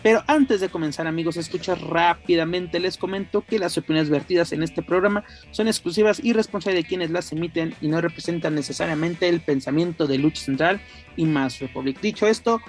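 A man's voice: a little high, brisk, soft background music. A Mexican man hosting a show in the style of a lucha libre announcer, with formal, ceremonious introductions. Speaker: podcast host.

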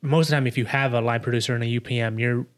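A man's voice: medium pitch, steady tone, rapid-fire. Chatty man hosting a casual podcast. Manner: chatty, asks loose rambling questions. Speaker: podcast host.

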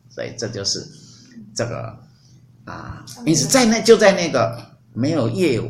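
A man hosting a podcast, retelling a myth in a lively, playful way. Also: medium pitch. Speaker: podcast host. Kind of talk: storytelling in casual chat. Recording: roomy recording with faint hum.

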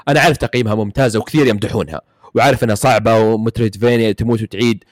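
Rapid-talking Saudi man, dry sound. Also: fairly low pitch, fairly even intonation, dry recording. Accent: Gulf Arabic, Saudi. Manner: rapid, rambling, many fillers and restarts. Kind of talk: casual gaming chat.

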